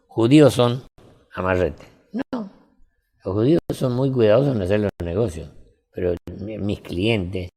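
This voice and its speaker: Gravelly older Argentine man storyteller. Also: lowish voice, a little mellow. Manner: folksy anecdotal storytelling. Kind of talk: casual interview chat.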